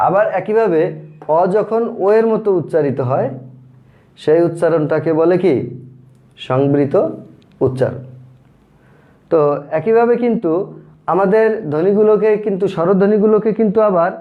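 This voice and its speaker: A man's voice: sits high, normal speed, long pauses. A male teacher giving a grammar lesson, patient, repeating terms and asking rhetorical questions. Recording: thin phone-like audio.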